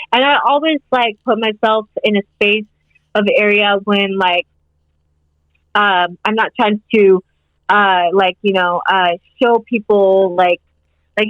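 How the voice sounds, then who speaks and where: A woman's voice: medium pitch, no echo, dull audio. A woman in her twenties, a podcast guest chatting casually in an upbeat, rambling way, leaning on "like" a lot. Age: 20s. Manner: rambling, upbeat, heavy use of "like". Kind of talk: casual interview chat.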